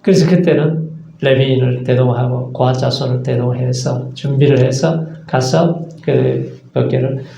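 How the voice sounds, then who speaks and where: Gravelly-voiced pastor preaching in an echoey church. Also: male voice, medium pitch, steady tone, a little slow, dark tone, a little hiss or hum. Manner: earnest preaching with rhetorical questions and acted-out asides. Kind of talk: sermon. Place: church sanctuary.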